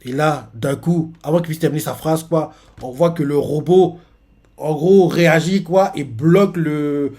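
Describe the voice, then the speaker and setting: A man's voice: on the high side, measured pace, a little mellow. A man casually recapping a manga chapter, rambling with lots of fillers and repeated words. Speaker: manga reaction youtuber.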